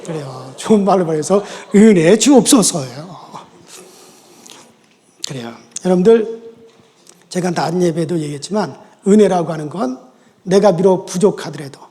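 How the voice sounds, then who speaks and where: A male pastor preaches in a high, bright voice that rings through a reverberant church. He talks in a folksy way, joking with the congregation before turning earnest. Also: brisk. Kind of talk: sermon. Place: church sanctuary.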